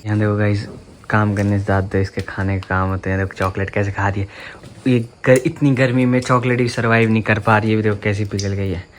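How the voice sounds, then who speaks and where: A man's voice: on the low side, level tone, brisk, a little hiss or hum. Chatty young man vlogging at home. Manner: chatty, teasing, addresses viewers as guys. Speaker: family vlogger. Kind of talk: casual home vlog narration. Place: family home. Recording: loud crickets chirping behind.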